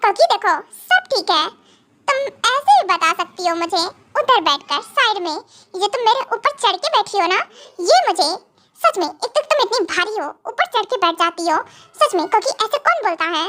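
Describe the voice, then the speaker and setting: A woman's voice: very high-pitched, sing-song, moderate pace, bright, forceful tone, exaggerated voice. A woman doing a stern, possessive young husband. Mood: scolding. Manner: scolding, then coaxing and apologetic. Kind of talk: fan audio drama.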